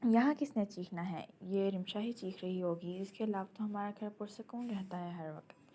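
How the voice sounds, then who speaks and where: A woman reading an audio novel, voicing a gentle young husband who speaks tenderly and reassuringly. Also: medium pitch, slight background noise, close to an everyday voice. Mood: affectionate.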